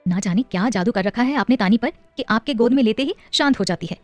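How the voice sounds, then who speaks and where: A woman's voice: fairly high pitch, animated, brisk, no room sound, faint music behind, close to an everyday voice. A woman voicing a firm but loving young wife and mother in an audio story, with a teasing, affectionate scolding manner.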